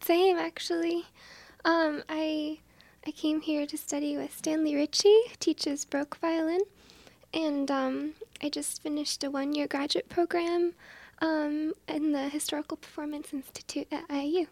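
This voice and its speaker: High-voiced young woman, friendly and chatty. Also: fairly even intonation, a little slow, darkish tone, no room sound. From Washington State, USA. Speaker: violinist, guest musician. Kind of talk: casual radio interview.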